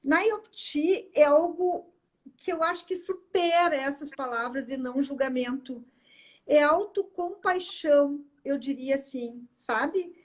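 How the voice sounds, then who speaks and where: A woman, a guest on a live video chat, telling a personal story with halting, emotional speech. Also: sits high. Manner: halting, tearful at moments, many fillers. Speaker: guest, lawyer and constellation practitioner.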